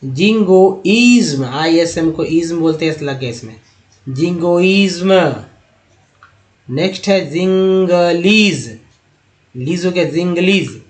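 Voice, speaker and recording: A man giving a slide-based reading lesson, spelling words letter by letter, then sounding them out slowly and talking to viewers as friends. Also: on the high side. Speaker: English teacher.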